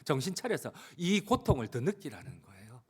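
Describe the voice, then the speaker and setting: A male pastor delivering an impassioned sermon in a church, swinging between quiet asides and fervent cries. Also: mid-range voice, huge pitch swings, normal speed, slightly rough. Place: church sanctuary.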